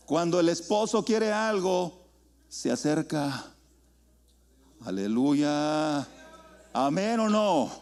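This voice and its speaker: A pastor preaching a sermon in a church, with rising calls and slow, stretched exhortations. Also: male voice, fairly high pitch, darkish tone. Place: church sanctuary.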